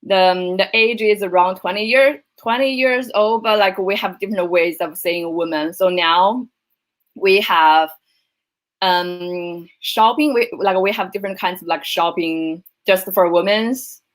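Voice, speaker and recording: A woman from China with Chinese as her first language, speaking as a panelist, halting with many fillers. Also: mid-range voice, poor audio. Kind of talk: casual conversation.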